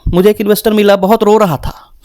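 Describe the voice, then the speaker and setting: Animated male stand-up comedian. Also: brisk. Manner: animated, acts out characters with shifting pitch.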